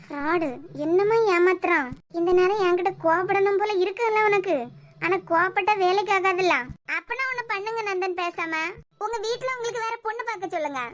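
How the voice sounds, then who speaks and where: A woman plays a firm young woman in a cartoon, speaking in a Kanyakumari Tamil accent. The voice is very high and fast. She is curt and defiant throughout. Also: bright, forceful tone. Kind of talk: cartoon web series voicing.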